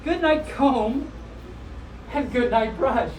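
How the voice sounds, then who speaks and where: Her voice sits high, slightly mellow, and unhurried as she reads picture books aloud to a group at a convention. Every so often she stops to tease the text with a wry, playful comment. It's a live-event recording: roomy, distant, and clearly noisy.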